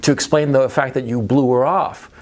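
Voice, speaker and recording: A man's voice: mid-range voice, steady tone, moderate pace. A middle-aged man, a native Spanish speaker, coaching on dating in a monologue, repeating points and checking in with "right?" and "okay?". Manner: rhetorical questions, frequent "right?" and "okay?" tag checks; repeats himself for emphasis. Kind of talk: monologue giving dating advice.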